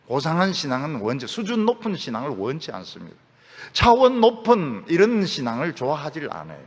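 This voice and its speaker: A male pastor preaching a sermon in a dramatic manner, acting out quoted voices. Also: in a large hall. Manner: dramatic, acts out quoted voices with big pitch swings. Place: church sanctuary.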